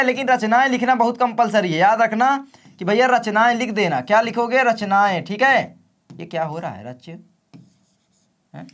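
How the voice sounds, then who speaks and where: High-voiced teacher with a sore throat. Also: male voice, fairly bright tone. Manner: friendly, direct, calls students "my friend". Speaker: exam-prep teacher. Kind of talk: casual exam coaching lesson.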